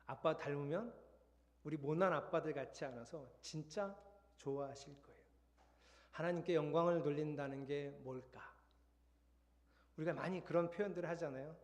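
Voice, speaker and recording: A man preaching a Sunday sermon as pastor in a conversational style that builds to emphatic points. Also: on the high side. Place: church sanctuary. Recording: long hall reverb.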